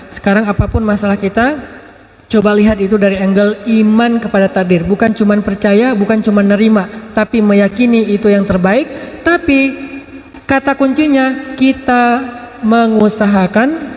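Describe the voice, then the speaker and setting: Male preacher with a high voice, relaxed storytelling sermon, recorded in a roomy hall. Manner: casual storytelling, mixed with Arabic quotations.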